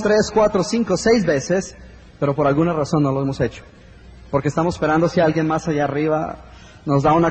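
A man with a fairly high voice delivers a live motivational talk, emphatic and repetitive. He speaks straight to his audience. A long hall reverb trails behind his words. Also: darkish tone.

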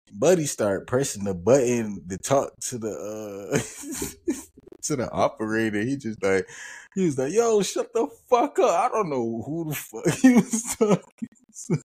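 A man's voice: sits low, mellow, breathy edge. A man, hosting a podcast and telling loose, profane, rambling stories. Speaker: podcast host. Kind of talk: casual storytelling.

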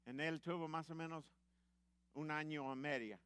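A middle-aged man preaching in a halting, Spanish, animatedly telling a personal testimony. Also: fairly high pitch, clean tone, no echo. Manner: animated, acts out quoted voices, halting grammar.

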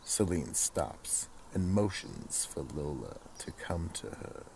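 Horror host, psychotic storyteller, very slow, swooping pitch, raspy, menacing, theatrical audio drama narration. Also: male voice, very animated, darkish tone, slight background noise, heavily acted. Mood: grim suspense. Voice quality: gravelly, raspy. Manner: menacing, drawn-out delivery. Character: psychotic horror host, sinister keeper of the vault.

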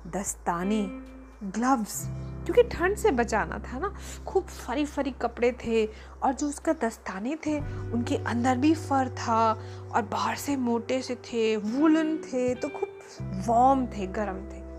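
A woman telling a children's story, gentle and expressive, repeating words for effect. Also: a little high, slow, faint music behind.

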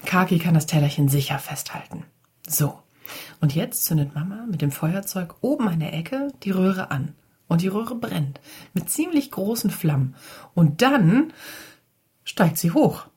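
A woman's voice: on the low side, lively intonation, unhurried, darkish tone, husky. A woman narrating a children's story in a chatty, casual way, often turning to talk to the listeners. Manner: chatty, addresses listeners directly.

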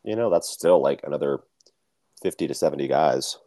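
A young man with a deep, very low voice chats loosely on a podcast, his pitch swooping up and down as he talks. The sound is close and dry, with no room around it. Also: animated, a little fast, dark tone, dry recording. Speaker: podcast co-host. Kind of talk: casual chat.

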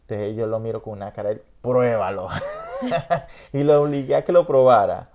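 A man's voice: medium pitch, normal speed, warm tone. A middle-aged man with a Venezuelan accent, hosting a podcast in a reflective, rambling conversational way. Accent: Venezuelan Spanish. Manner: reflective, rambling, frequent "¿entiendes?". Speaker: podcast host. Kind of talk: casual conversation.

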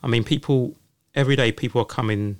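A man's voice: medium pitch, steady tone, fast, no echo. A man hosting a casual podcast chat, supportive and hesitant as he gathers his thoughts. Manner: supportive, frequent affirmations, hesitant. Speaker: host.

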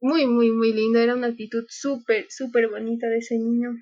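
A woman's voice: fairly high pitch, flat delivery, a little fast, a little mellow. A young woman, a scout leader and podcast guest, telling a story in a chatty way and acting out the dialogue. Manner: chatty, acts out quoted dialogue, frequent laughs. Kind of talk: casual interview storytelling. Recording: dull, lo-fi sound.

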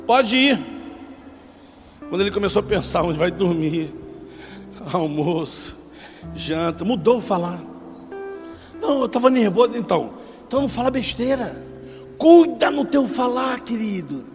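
A middle-aged man preaching a sermon with a Rio de Janeiro accent, fervent, calling listeners brother and swinging between hushed asides and loud outbursts. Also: high-pitched, lively intonation, moderate pace, pauses often. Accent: Rio de Janeiro Portuguese. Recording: long hall reverb with faint music.

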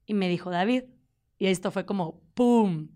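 A woman's voice: mid-range voice, moderate pace. A woman co-hosting a casual conversation with her partner, telling personal stories and acting out what people said. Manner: animated storyteller, acts out quotes. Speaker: podcast co-host.

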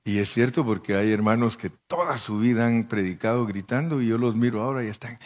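A middle-aged man preaching a storytelling sermon, talking conversationally to the congregation and acting out voices with sudden pitch jumps. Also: fairly quick, a little mellow. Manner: addresses listeners as brother, conversational. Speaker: pastor.

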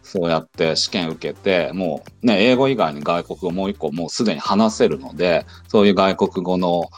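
A man's voice: deep voice, normal speed, soft background music. A man who teaches Japanese in the United States, patiently explaining things in a casual online audio chat.

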